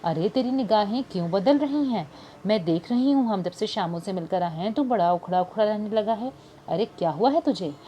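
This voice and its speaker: A woman's voice: medium pitch, expressive, normal speed, lo-fi sound, a little hiss or hum, lightly acted. A woman voicing a lonely, grieving older woman who speaks plaintively in an audiobook. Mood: scolding. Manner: plaintive, tearful.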